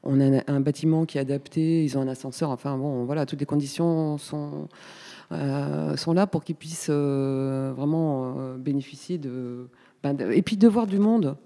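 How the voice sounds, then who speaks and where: A woman in her fifties from Paris, talking as a guest in a casual radio interview, chatty and pausing often with fillers. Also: sits low, dark tone, long reverb tail. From Paris, France. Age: 50s. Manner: chatty, hesitant with many fillers. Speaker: guest, community space coordinator.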